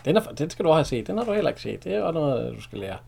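A man's voice: fairly high pitch, creaky, slightly rough. A Danish man in casual chat, eagerly retelling film scenes and his army memories. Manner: eager, excitable retelling with fillers.

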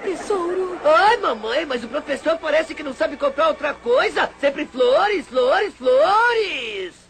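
A high, gravelly voice plays a theatrical young woman fed up and whining with half-laughing exasperation. She drags her complaint out slowly, like a scene from a dubbed film. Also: expressive, slight background noise, heavily acted. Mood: exasperated.

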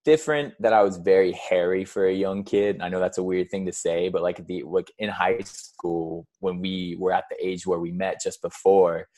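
Laid-back, very deep-voiced man. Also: steady tone, moderate pace, few pauses, a little mellow. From California. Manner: laid-back, laughs often, says "like" and "dude" a lot. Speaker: podcast guest. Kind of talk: casual chat.

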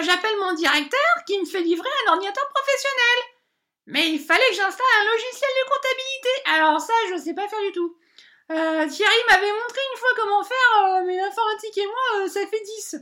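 A very high-pitched, bright voice of a scatterbrained female bank adviser, played by a woman. She rambles on in a comic monologue, hesitant and full of filler sounds, lonely under her chatter. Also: animated, a little fast, exaggerated voice. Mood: rambling.

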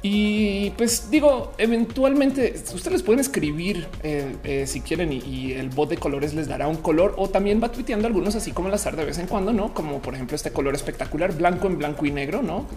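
A woman hosting a casual livestream in a rambling, playful way, her diction slowed as she recovers from having her wisdom teeth out. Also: low voice, over music. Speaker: livestream show host. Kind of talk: casual livestream chat to viewers.

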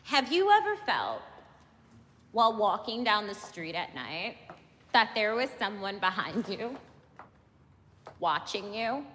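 An actress playing a young woman defense lawyer addressing a jury in a TV comedy, with a millennial vocal fry. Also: medium pitch, big pitch swings, takes it slowly, long pauses, a bit bright, long reverb tail, slight background noise. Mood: improvising, earnest. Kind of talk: television comedy acting.

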